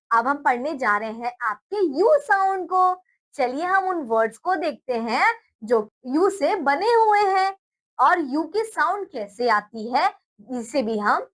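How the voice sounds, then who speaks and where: A woman teaching a phonics lesson to young children, slowly spelling out words letter by letter and often praising her pupils. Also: high-pitched, sharp tone. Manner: slow, spelling letters out one by one.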